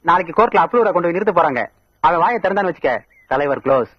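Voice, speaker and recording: A man's voice: on the high side, animated, background noise, natural voice. An actor playing a henchman in a film, urgently reporting news. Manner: hurried, urgent. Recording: dull lo-fi film audio.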